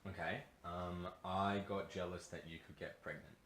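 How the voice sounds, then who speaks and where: A young Australian man in an acted scene, gentle and reassuring with dry humour. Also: low-pitched, fairly even intonation, moderate pace. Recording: echoey room with faint hum.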